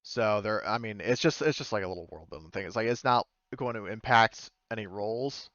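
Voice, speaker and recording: This man's voice is fairly low and a bit bright as he casually serves as game master for a tabletop game on an online voice call. His narration is hesitant and halting, with frequent self-corrections. There's no room sound, and the audio is dull.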